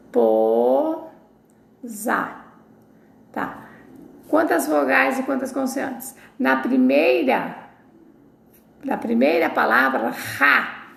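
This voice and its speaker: A Brazilian woman teacher giving a recorded video lesson for children, explaining words slowly and syllable by syllable. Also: fairly high pitch, creaky. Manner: slow, deliberate syllable-by-syllable explanation. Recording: echoey room sound.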